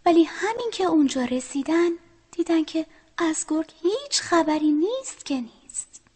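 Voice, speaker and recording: A woman telling a children's story, speaking to the children and often dropping to a soft whisper. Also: sits high.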